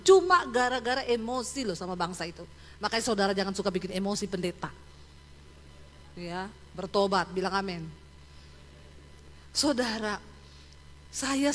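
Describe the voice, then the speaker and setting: Brief: woman preacher, animated storytelling sermon, reverberant hall. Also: medium pitch, moderate pace, long pauses, a little hiss or hum. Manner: animated storytelling with many asides to the congregation. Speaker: pastor. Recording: echoey hall.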